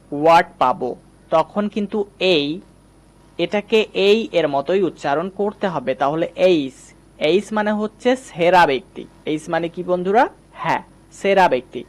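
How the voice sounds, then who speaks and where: A man's voice: a little high, lively intonation, moderate pace. A man teaching English reading, patiently explaining and quizzing his viewers. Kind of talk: screen-recorded lesson.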